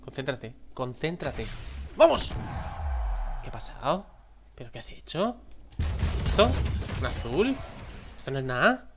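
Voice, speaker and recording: A man with a Spain accent giving playful, casual commentary as he opens game loot chests, coaxing the viewer to concentrate and bursting out excitedly. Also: medium pitch, normal speed, pauses often, over music. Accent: Spanish from Spain. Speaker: gaming content creator.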